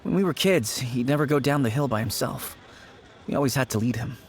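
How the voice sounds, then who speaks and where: An actor playing a young man fondly recalling his childhood friend, warm-hearted and reminiscing. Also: mid-range voice, a little fast, lightly acted. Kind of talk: video game voice acting.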